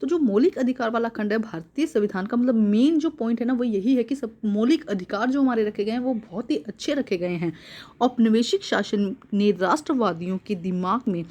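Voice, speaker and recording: A woman's voice: fairly high pitch, moderate pace, warm tone. Woman teacher explaining a worksheet. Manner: reads a line, then explains it again in simple words with Hindi-English mixing.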